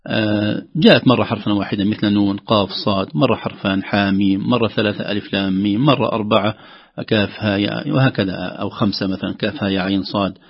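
A man's voice: lowish voice, steady tone, fast talker, husky. A man teaching Quran recitation on the radio, explaining step by step and drawing out sounds to demonstrate them. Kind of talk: radio tajweed lesson. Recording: dull lo-fi radio audio.

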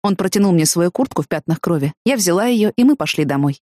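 A woman narrating a first-person audiobook with expressive storytelling. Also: on the low side, fast talker, no echo, clean studio sound.

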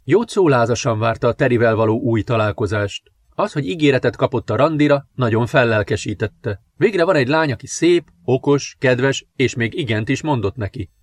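A man reads a novel aloud in a calm, measured narration. His voice sits at an ordinary middle pitch. The sound is dry and close to the mic. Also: dry recording. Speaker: audiobook narrator. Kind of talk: scripted narration.

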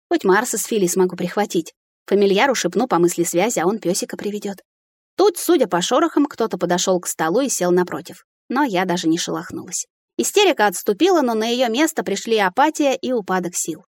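A woman narrating a first-person fantasy audiobook with an emotional, expressive delivery. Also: medium pitch, dry recording. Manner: emotional, expressive reading with tearful dialogue.

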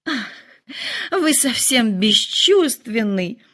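An excitable, fretful mother bursts into high, gushing exclamations, as a woman reading aloud puts her on. Her pitch leaps widely from line to line in a storybook reading. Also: a little slow. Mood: excited.

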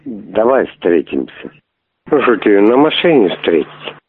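A man's voice: lowish voice, sing-song, measured pace, breathy edge, dry recording. A man making a crude prank phone call, pushy and rambling, swearing often as he keeps asking to meet. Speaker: prank caller. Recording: tinny phone line.

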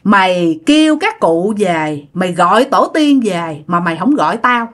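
Woman playing an old ghost woman, accusing, scolding, lively pitch. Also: normal speed.

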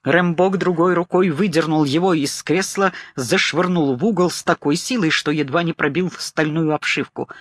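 A man narrates an audiobook with a dramatic, steady delivery and a slightly raised pitch. The recording is close and dry, with no room sound. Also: dry recording. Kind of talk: scripted narration.

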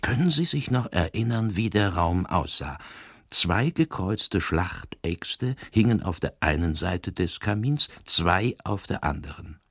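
A man reading the lines of a calm, sharp-minded old priest detective in a grave, slow voice that drops to a hushed whisper. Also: low-pitched, breathy edge, no echo, studio quality, full character voice. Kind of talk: scripted narration.

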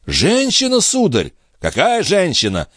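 A man's voice: very high voice, expressive, normal speed, no echo, clean studio sound, voice pushed up. A man voicing a frightened, servile doorkeeper in an audiobook. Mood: flustered. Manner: flustered, pleading.

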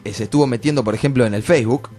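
A man's voice: medium pitch, very fast, darkish tone, faint music behind. An Argentine man hosting an informal live radio show in a conversational way. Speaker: radio host.

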